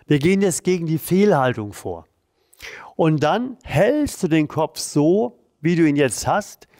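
Calm man coaching a stretch routine. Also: a little high, no room sound, studio quality. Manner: calm, encouraging, talks while doing the moves. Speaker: therapy coach leading exercises. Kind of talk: guided exercise instruction.

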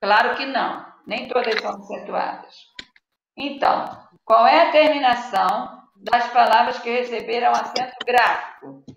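A woman's voice: on the high side, normal speed, creaky. A Brazilian woman teacher giving a patient live online Portuguese lesson to children, reading word lists aloud and quizzing her pupils. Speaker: schoolteacher. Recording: echoey room, dull lo-fi audio with faint noise.

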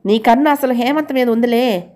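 A woman's voice: fairly high pitch, fairly quick, mellow, close to an everyday voice. A woman voicing a spiteful, boastful male office colleague in an audio novel. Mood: sneering. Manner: sneering, irritable.

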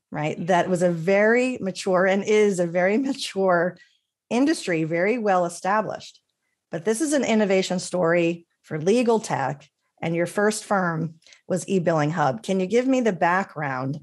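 A woman's voice: on the low side, a little mellow. A middle-aged woman hosting an interview over a webcam from a home office, introducing her guest with enthusiastic, effusive praise. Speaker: podcast host. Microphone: webcam on a video call.

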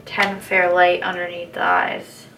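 A woman's voice: lowish voice, monotone, unhurried, bright, forceful tone. A young woman talking casually through the makeup products she is putting on. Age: young adult. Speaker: makeup artist guest. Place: small room indoors, seated at a table. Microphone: camera a few feet away. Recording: distant mic, music behind, clinking.

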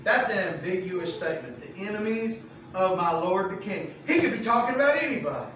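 A pastor leads a Bible study in a folksy, animated way, slipping into voices for the people in the verses. His voice sits high for a man. The recording is boomy with heavy echo, picked up from well back in the sanctuary with a faint hiss. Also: a little fast. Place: church sanctuary. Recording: echoey room mic from far off.

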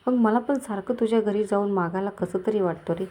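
A woman's voice: mid-range voice, brisk, dark tone, lightly acted. A woman voicing a scheming, lecherous middle-aged village moneylender who talks in a coaxing, menacing way. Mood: falsely friendly. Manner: coaxing, menacing, falsely kind.

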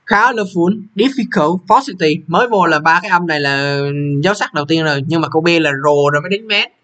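A man's voice: on the high side, fast, bright, forceful tone. A young man, walking students through an English exam, repeating question numbers and checking they follow. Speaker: English teacher. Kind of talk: exam walkthrough lesson.

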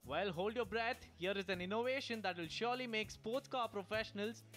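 Man, news voice-over, high voice, faint music underneath. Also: brisk, a bit bright. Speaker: news reporter.

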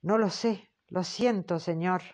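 Timid young female witness, soft and hesitant; voiced by a woman audiobook reader. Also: lowish voice, takes it slowly. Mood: fearful. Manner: hesitant, soft, answers briefly. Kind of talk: audiobook character reading.

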